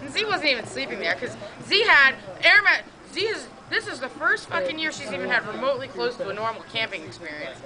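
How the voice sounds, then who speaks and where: Hoarse, profane woman telling camp stories. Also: high voice, a little fast, hardly any pauses, a crowd in the background. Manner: profane, animated, acts out quoted voices. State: hoarse, says she has no voice. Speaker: storyteller at a camping event. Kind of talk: casual storytelling among friends. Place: outdoors at a campsite.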